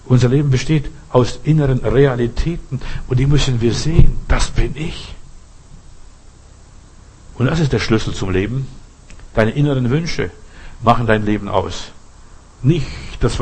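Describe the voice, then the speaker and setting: Husky male preacher, emphatic repetition, acts out quoted voices. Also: moderate pace, pauses often, a little mellow, rough recording. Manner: rhetorical questions, emphatic repetition; acts out quoted voices with sudden pitch jumps. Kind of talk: sermon.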